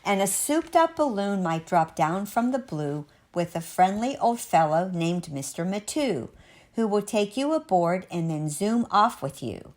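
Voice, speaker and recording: Reading aloud from a rhyming picture book for children, a female storyteller gives measured, dramatic, sing-song emphasis and plenty of expression. She has a medium pitch, lively intonation and a darkish tone.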